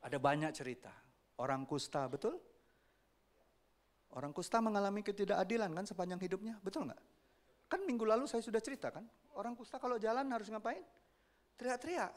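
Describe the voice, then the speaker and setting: Man, pastor, high voice, sermon, animated, questions the congregation. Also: fairly quick, pauses often.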